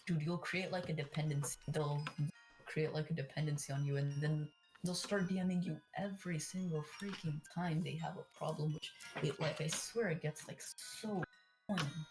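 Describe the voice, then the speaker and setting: A man's voice: a little high, steady tone, normal speed, music in the background. A man in casual chat with friends, talking in a slangy, rambling way and ranting freely. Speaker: co-streamer.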